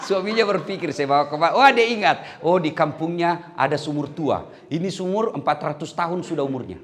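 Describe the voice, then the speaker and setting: A man's voice: fairly high pitch, animated, moderate pace, a little hiss or hum. A man preaching a humorous sermon who tells jokes and stories and acts out the lines of the people in them. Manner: joking, storytelling, acts out quotes. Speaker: Islamic preacher.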